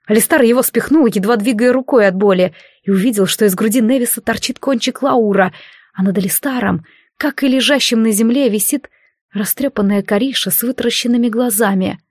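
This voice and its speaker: A woman narrating a fantasy audiobook in a measured, dramatic reading. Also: fairly high pitch, a little mellow, no room sound, studio quality.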